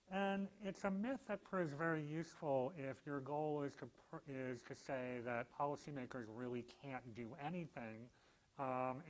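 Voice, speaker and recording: A man's voice: mid-range voice, rough recording. A male law professor giving a public lecture with dry, self-deprecating humor and frequent "um" and "uh" fillers.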